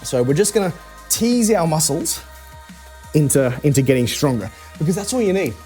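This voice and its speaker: A man with a slightly high voice leads a live workout class. He talks casually as a fitness coach, cueing each move step by step. Faint music plays behind him. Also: animated, normal speed, dark tone. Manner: conversational coaching, cueing exercise moves step by step.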